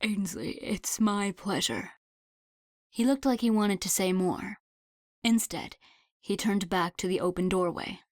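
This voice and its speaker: A woman narrates an audiobook in an even, unhurried read at a mid pitch. The recording is dry and close, with no room sound. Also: no room sound. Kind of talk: scripted narration.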